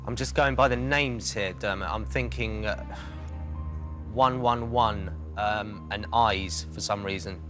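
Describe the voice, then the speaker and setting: A man's voice: lowish voice, steady tone, a little slow, sharp tone. A man competing on a quiz show, hesitantly thinking aloud as he works towards an answer. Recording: TV quiz with background music.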